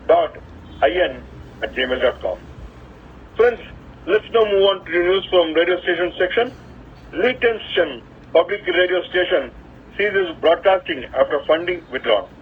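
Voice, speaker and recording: A man from South India hosting a weekly hobby digest, reading steadily, heard over a shortwave radio. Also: high-pitched. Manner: steady, carefully paced reading. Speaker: radio program host. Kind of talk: scripted news digest reading. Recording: tinny shortwave radio with faint hiss.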